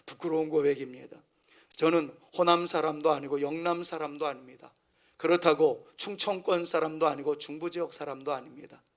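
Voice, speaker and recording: A middle-aged male pastor from Seoul preaches with a fairly high voice. He speaks earnestly and lets many phrases fall away into a soft near whisper. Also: fairly even intonation, brisk. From Seoul, South Korea. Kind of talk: sermon.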